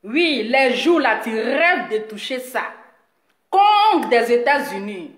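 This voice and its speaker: A woman talking straight to her viewers in a boastful, mocking rant, teasing her critic with drawn-out words and frequent laughs. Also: on the high side, sing-song. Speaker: video blogger addressing her audience. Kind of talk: boastful direct-to-camera rant. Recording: echoey room.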